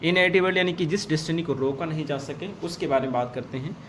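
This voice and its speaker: A man teaching an exam-prep lesson, reading each question slowly and then explaining the answer in Hindi. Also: a little high, a bit bright, slight background noise.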